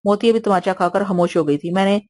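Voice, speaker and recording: A woman narrating an audio novel in a steady, even storytelling manner. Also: medium pitch. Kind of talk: scripted narration.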